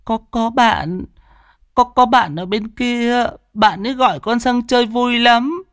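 Man playing a small scared boy, high and slow, stammering through tears, horror story. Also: a bit bright, smooth, dry recording, studio quality, heavily acted. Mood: tearful. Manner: stammering, tearful. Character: frightened little boy.

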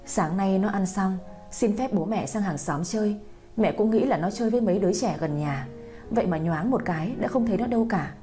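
A woman voicing an older countryside mother who is crying, speaking in a hurried, tearful way. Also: medium pitch, mellow, faint music behind, close to an everyday voice. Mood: anxious.

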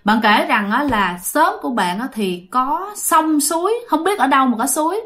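High-voiced woman telling a ghost story. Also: animated, fairly bright tone. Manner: chatty, drawn-out fillers, addresses listeners directly. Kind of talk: retold ghost story, addressing listeners.

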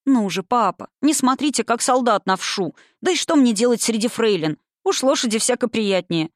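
A woman reading aloud gives a stubborn, quick-tempered young noblewoman a lively, raised voice. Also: no room sound, studio quality, close to an everyday voice. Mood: wheedling. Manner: lively, pitched up.

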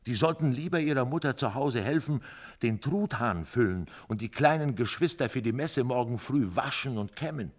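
A man's voice: mid-range voice, expressive, normal speed, voice pushed up, close to an everyday voice. A man reading aloud, voicing a pious, indignant pub guest who scolds the young people. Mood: scolding. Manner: scolding, moralizing.

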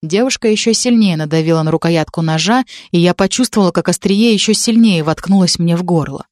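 A woman reading a first-person story aloud as narrator, in steady storytelling. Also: lowish voice, brisk, no echo, clean studio sound.

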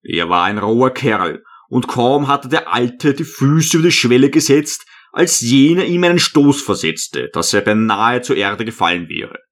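Male audiobook narrator, slow, earnest, first-person tale, mid-pitched. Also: lively intonation, fairly bright tone. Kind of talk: first-person storytelling reading.

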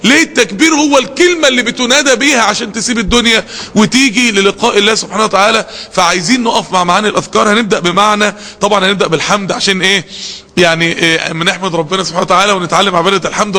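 Egyptian male preacher, high quick and sharp voice, passionate rhetorical sermon, reverberant hall. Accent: Egyptian Arabic. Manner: rhetorical questions, emphatic, passionate.

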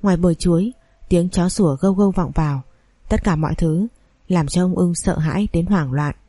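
A woman reading a scripted audiobook story in a steady, measured way. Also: fairly low pitch, no echo. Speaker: narrator.

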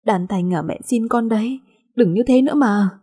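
A woman voicing a gentle, worried older mother who speaks soothingly. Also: mid-range voice, animated, quick pace, husky. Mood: pleading. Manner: soothing, sorrowful.

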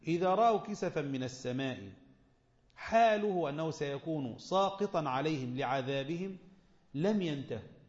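A man with an Egyptian Arabic accent giving a Quran commentary lesson, quizzing his listeners and slowing down to recite verses. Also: fairly high pitch, animated, a little mellow. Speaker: religious teacher. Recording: echoey, dull lo-fi room recording.

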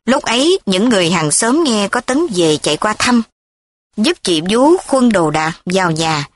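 A woman narrating a story in a steady storytelling manner. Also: medium pitch, unhurried.

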